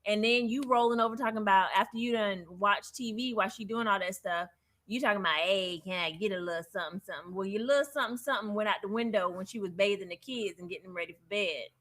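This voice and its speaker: A woman co-hosting a casual relationship advice chat, playful and quick to laugh as she acts out everyday examples. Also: mid-range voice, fairly bright tone.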